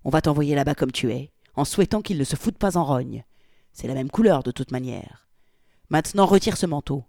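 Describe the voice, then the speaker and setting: A woman's voice: sits low, expressive, moderate pace, a little mellow, no room sound, studio quality. A woman voicing a brutal gangster, Polly. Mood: furious. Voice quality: harsh, swearing, barking orders. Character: angry brutal male gangster, foul-mouthed.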